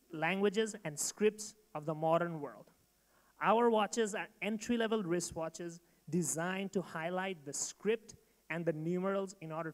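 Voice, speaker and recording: A man from Bangladesh giving a rehearsed startup pitch to an audience, emphatic and direct. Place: event hall. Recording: long hall reverb.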